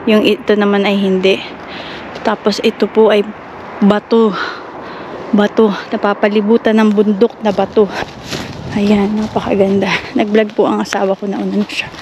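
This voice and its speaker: A woman's voice: medium pitch, flat delivery, moderate pace, a little mellow, a little hiss or hum. A woman from the Philippines chatting politely in a casual travel vlog, walking outdoors on a rocky hillside and filming on a handheld phone, with many hesitations. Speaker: travel vlogger.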